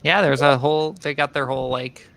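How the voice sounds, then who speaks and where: A man chats casually at a soccer watch party, cracking jokes between comments. His voice has a gravelly edge and a bright, forward tone. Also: on the high side, fairly even intonation, brisk, no echo. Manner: joking, chatty. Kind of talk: casual chat.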